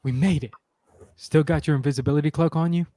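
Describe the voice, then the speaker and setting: A man voicing a calm, planning young male wizard in a fan voice-acting read-through, talking in a steady, matter-of-fact way. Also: on the high side, fast, no room sound, lightly acted.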